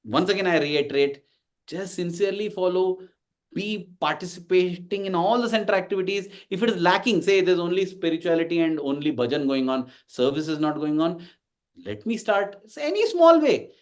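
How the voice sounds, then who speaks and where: Indian english man, forties, high voice, devotional talk, emphatic storytelling. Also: animated, brisk. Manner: storytelling, emphatic, acting out dialogue. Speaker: invited speaker at a devotional gathering.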